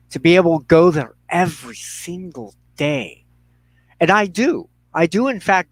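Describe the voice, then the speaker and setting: A man with a slightly high voice hosts a live spiritual ministry show from inside a trailer, talking to viewers in a loose, slangy, rambling way into a headset mic. The recording is rough but has no echo.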